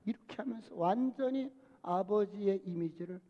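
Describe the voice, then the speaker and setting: A man's voice: sits high, moderate pace, dull audio. A male pastor preaching a sermon, asking the congregation questions and answering them himself. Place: church sanctuary. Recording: long church hall reverb.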